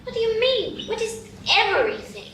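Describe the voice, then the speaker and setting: Alice, a woman playing a very high curious girl. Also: very animated, moderate pace. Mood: puzzled. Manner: prim, questioning, well-mannered. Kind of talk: live radio play acting. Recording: echoey hall, distant mic, noisy.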